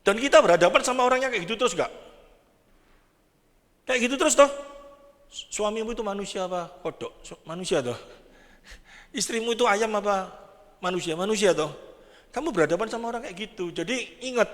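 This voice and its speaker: Male preacher, lively, fairly high voice, long hall echo. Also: brisk, pauses often. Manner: animated, quizzing the congregation, acting out prayers. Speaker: pastor. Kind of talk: sermon. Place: large church hall. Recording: echoey church hall.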